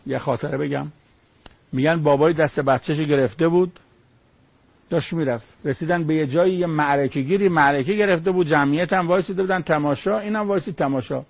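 A man's voice: fairly high pitch, gravelly, no room sound, lo-fi sound. A man preaching on Quran verses, emphatic, with rhetorical questions and short stories.

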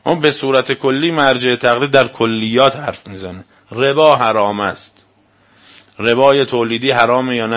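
A man's voice: medium pitch, fairly bright tone. A male cleric giving a religious lecture to a live audience, arguing his point and firing off rhetorical questions. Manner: argumentative, fires rhetorical questions.

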